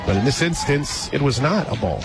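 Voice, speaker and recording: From a radio booth at an outdoor ballpark, a man delivers live sports play-by-play, dropping in chatty asides between calls. He speaks a little quickly in a mid-range voice with lively intonation, while loud crowd noise and music play in the background.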